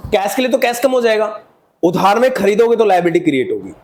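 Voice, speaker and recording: High-voiced man teaching an accountancy class. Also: sing-song, fast, a little mellow. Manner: asks students questions and answers them himself, calls them 'beta'; mixes Hindi with English accounting terms. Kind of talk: classroom lecture.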